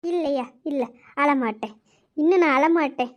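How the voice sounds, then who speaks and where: A woman voicing a fond, teary old grandmother who dotes on her grandchildren and scolds them gently. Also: sits high, moderate pace, lightly acted. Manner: affectionate, shy, scolding. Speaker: grandmother character. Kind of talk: web drama voice acting.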